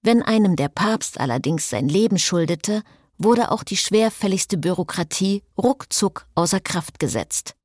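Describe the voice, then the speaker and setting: Expressive woman narrating an audiobook. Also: on the low side, a little slow, dry recording, clean studio sound.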